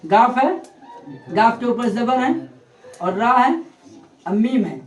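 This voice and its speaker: In an echoey classroom with a board, a male teacher covers grammar, repeating terms and putting questions to his students. He speaks slowly, his pitch extremely high.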